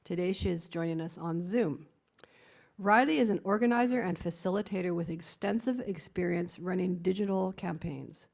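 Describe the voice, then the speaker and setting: Lower-voiced woman reading an introduction. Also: normal speed, vocal fry, darkish tone. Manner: reads a prepared introduction. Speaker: service leader introducing the speaker. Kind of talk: formal introduction.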